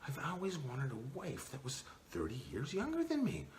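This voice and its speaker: A man voicing an embarrassed, hesitant older husband in a joke, speaking low and quiet. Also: wildly swooping pitch, normal speed, a little hiss or hum. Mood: sheepish.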